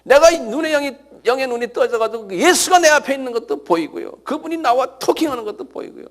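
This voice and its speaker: A fast-talking middle-aged pastor with a very high voice gives an animated sermon, punctuating it with abrupt cries and calls for the congregation's response.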